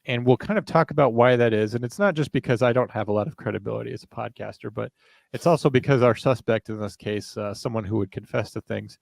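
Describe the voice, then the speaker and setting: A man's voice: mid-range voice, fast talker, vocal fry, no room sound. A man in his thirties co-hosting a true crime podcast, talking in a sarcastic, rambling, self-mocking way. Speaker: podcast co-host. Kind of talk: casual podcast chat.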